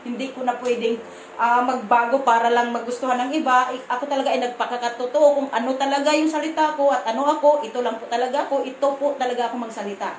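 High-voiced Visayan woman vlogging, echoey room. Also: fairly even intonation, slight background noise. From Visayas, Philippines. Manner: firm, blunt tone with halting restarts. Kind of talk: casual vlog to camera. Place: room at home.

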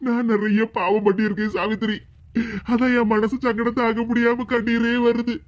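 A voice actor performs a remorseful, tearful middle-aged cartoon husband speaking Kanyakumari Tamil, lamenting and mournfully repeating his phrases for comedy. The voice is medium in pitch, with a flat delivery, a moderate pace, and only light acting.

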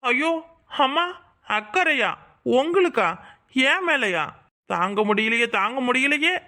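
Actor playing a teasing young village husband, bright light voice, playful banter, cartoon. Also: high voice, expressive, measured pace, exaggerated voice. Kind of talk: cartoon voice acting.

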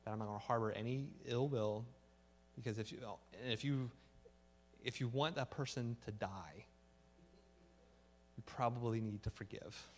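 A man's voice: medium pitch, slight background noise. Man preaching in a casual, chatty way. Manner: conversational, acts out little dialogues, fillers like "like"; earnest prayer to close. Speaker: pastor. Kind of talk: sermon.

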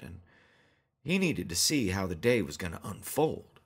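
A man narrating a horror story in a measured, deadpan way. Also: fairly low pitch, slightly rough.

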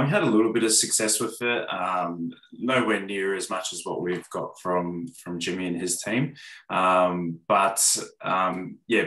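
Low bright man with many ums. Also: reverberant, rough recording. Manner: plain, steady, many ums. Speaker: gym owner. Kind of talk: video call interview. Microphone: video call webcam.

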